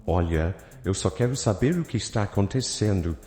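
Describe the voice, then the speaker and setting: A man voicing a composed, polite woman in her thirties who asks questions quietly and stays calm. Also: lowish voice, normal speed, lightly acted. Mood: firm. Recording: echoey, with faint background music.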